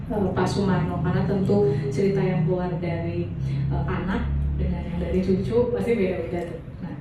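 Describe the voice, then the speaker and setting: A woman interviewer explaining a history research project politely and at length, with frequent fillers. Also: mid-range voice. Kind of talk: discussion moderation. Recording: echoey room, distant mic, background noise.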